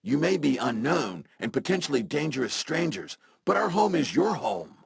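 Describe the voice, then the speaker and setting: A man's voice: a little high, sing-song, normal speed, vocal fry, exaggerated voice. A man voicing a laid-back, friendly male robot in a video game, with a robotic filter on his voice and a casual, slangy way of talking. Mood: mellow.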